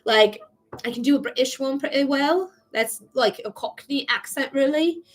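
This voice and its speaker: With a high-pitched voice at a moderate pace, a psychic reader hosts a casual livestream, chatting and laughing with her audience. She has a bubbly manner and a Michigan accent, being from Michigan in the United States, and a little hiss or hum sits in the recording.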